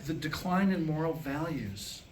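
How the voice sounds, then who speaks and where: A man with a slightly high, slightly mellow voice speaks a little slowly and expressively, joking with a small group in a dry, chatty stand-up style. The audio from this live staged reading is poor, with faint noise behind him.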